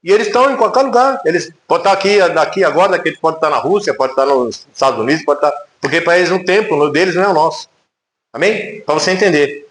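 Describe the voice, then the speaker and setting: Brazilian pastor guy preaching, fairly high voice, big echoey church. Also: racing. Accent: Brazilian Portuguese. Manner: conversational, emphatic preaching with rhetorical questions. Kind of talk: sermon. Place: church sanctuary.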